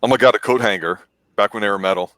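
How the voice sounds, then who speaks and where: A man's voice: lowish voice, fast talker, fairly bright tone, no room sound. A man co-hosting a casual movie commentary, making wry jokes with playful formality. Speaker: co-host of a movie commentary show. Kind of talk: casual live watch-party commentary. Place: home, Central Florida.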